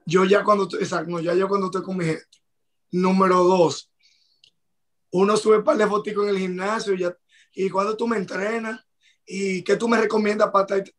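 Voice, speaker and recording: A podcast panelist, one of the regulars on a casual panel chat, speaks with a Dominican Spanish accent in a high voice. He tells stories in a relaxed way at a moderate pace.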